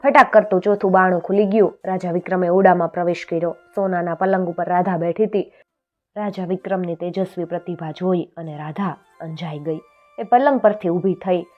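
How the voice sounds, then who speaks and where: A woman telling a traditional folk tale in an expressive storytelling voice, lifting her voice for the characters. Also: on the low side, fairly quick. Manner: expressive, raises voice for quoted characters. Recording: dull lo-fi sound with faint music.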